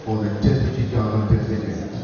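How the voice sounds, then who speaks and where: A man with a Nigerian accent, formally reading out a biography as master of ceremonies in a measured way. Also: on the low side, over music. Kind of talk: formal ceremonial announcement, read aloud. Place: large indoor ceremony hall with audience. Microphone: public address picked up from a distance. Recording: echoey hall PA from far off, dull, noisy.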